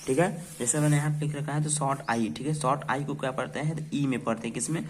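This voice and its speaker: A man teaching English reading to beginners, spelling out words letter by letter, asking quick questions and answering them himself. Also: medium pitch, steady tone, slight background noise. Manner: repetitive, checks in with "ठीक है" and quiz questions. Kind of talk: phonics lesson for beginners.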